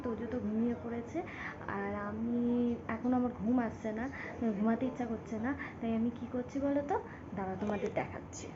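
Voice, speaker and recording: A woman's voice: fairly high pitch, dull audio, noisy background. A young woman, a new mother, chatting in a casual home vlog and talking straight to her viewers, with sing-song baby talk to her son. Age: young adult. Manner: chatty, addresses viewers directly. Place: at home, indoor rooms.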